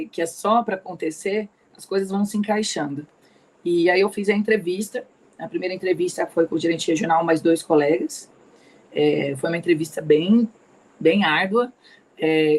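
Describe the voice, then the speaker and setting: A Brazilian woman speaking as an interview guest, recounting events in a chatty, animated way. She slips into quoted dialogue often, and her voice sits at a middle pitch. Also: rough recording. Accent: Brazilian Portuguese. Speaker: guest, oncology consultant. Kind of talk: conversational storytelling.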